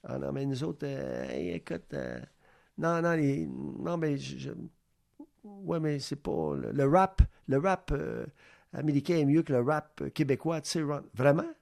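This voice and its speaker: A man's voice: on the high side, big pitch swings, unhurried, gravelly, darkish tone. A man with a Quebec French accent, hosting a sports radio show and rambling through an opinion monologue full of rhetorical questions. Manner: rambling, asks rhetorical questions, acts out little exchanges.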